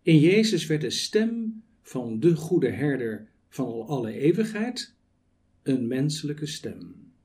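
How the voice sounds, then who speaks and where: A man preaching a sermon, building it on rhetorical questions and measured lists. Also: a little high, big pitch swings, darkish tone.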